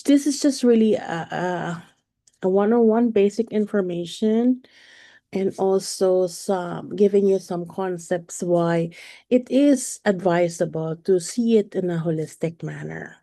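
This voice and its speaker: A woman, a perimenopause coach giving a live online presentation in a halting way, with frequent fillers and self-corrections. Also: medium pitch, animated, mellow, dry recording, studio quality. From Philippines. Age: 40s.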